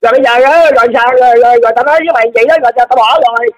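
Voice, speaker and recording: A man's voice: extremely high pitch, racing. A man, arguing defensively on a phone call, stammering and repeating his words. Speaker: caller in a dispute. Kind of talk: heated phone argument.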